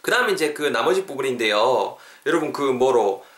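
A man, hosting a podcast English lesson and repeating phrases slowly for listeners to drill. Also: medium pitch, expressive, fairly bright tone, reverberant. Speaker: English teacher, podcast host.

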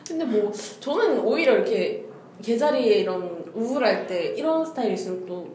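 A woman's voice: mid-range voice, expressive, normal speed, dark tone. A woman co-hosting a casual chat, often laughing while she tells her own dating stories. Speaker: podcast co-host. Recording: echoey room, faint noise.

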